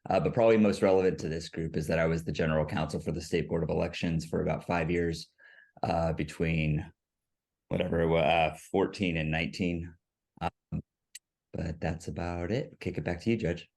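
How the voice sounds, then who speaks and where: A man who works as an election lawyer introducing himself on a video call, crisp and matter-of-fact. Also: low-pitched, fairly even intonation, normal speed, darkish tone.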